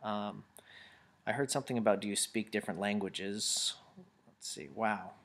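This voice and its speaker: A man chats casually on a live webcam stream from a room at home, rambling as he reads out viewer comments and answers fan questions. His voice is on the low side and a bit bright, with fairly even intonation at a normal speed.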